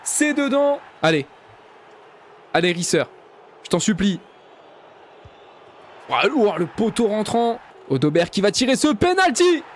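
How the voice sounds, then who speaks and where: A high-voiced young man chats through a football video game, muttering line-ups and then erupting at goals. His talk is slangy and playful, aimed straight at his viewers. A faint hiss of noise sits under the recording. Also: unhurried, long pauses. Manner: excitable, swings from mumbling asides to loud cheering; addresses viewers as "les gars", slangy and joking. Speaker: gaming YouTuber. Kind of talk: casual gameplay commentary.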